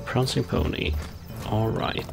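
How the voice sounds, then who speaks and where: A man's voice: takes it slowly, background noise. A man giving casual, wry game commentary, understated, as if muttering to himself. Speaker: let's-play commentator.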